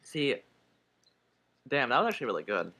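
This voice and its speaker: Young man, mid pitch, bright tone, rambling casual chat. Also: big pitch swings, moderate pace, a little hiss or hum. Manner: rambling, hedging with many "like"s. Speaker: friend on a livestream call.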